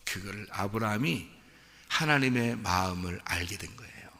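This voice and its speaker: A man, a pastor, delivering an animated sermon, telling the story like a drama and acting out the voices he quotes, moving between casual and formal speech. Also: fairly low pitch, normal speed. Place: church. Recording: long hall reverb.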